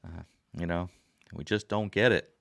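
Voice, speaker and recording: A livestream host with a very deep, raspy voice rambles in a folksy way while reading viewer comments from his home desk. Picked up by a desk camera, the sound is dry and close with no room echo. A recent sore throat has left him rough, and he fills pauses with plenty of easy "uh"s and "um"s.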